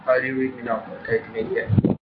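A man's voice: mid-range voice, level tone, quick pace. A man making terse airline pilot calls to air traffic control over a distorted radio full of fan-like noise. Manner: terse, clipped readbacks. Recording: muffled lo-fi radio.

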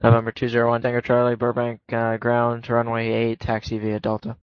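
A man working as an air traffic controller, issuing clearances in clipped radio phraseology. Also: mid-range voice, completely flat delivery, fairly quick, dry recording. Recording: dull lo-fi radio audio.

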